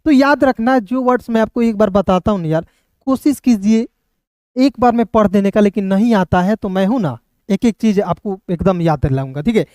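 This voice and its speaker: Soft-spoken man spelling words aloud. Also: high voice, moderate pace, dry recording, clean studio sound. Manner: spells letters one by one, then sounds out the word; keeps addressing viewers as friends and checking they follow. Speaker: English reading teacher. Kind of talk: spelling-out reading lesson.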